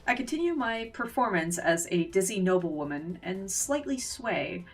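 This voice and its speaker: A woman's voice: mid-range voice, very animated, normal speed, far from the mic, faint music behind. A woman streamer reading a game's story aloud, with casual joking asides. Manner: reads narration aloud, breaks into laughing asides. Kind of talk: game reading and reaction.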